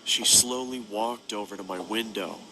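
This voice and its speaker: A man narrating an animated horror story in a flat, even storytelling manner. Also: lowish voice, moderate pace, background noise.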